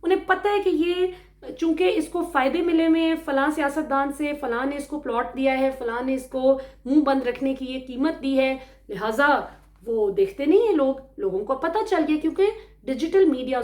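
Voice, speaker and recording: A woman's voice: high-pitched, darkish tone, roomy sound. A woman from Pakistan giving emphatic, indignant political commentary to her viewers, often switching into English phrases.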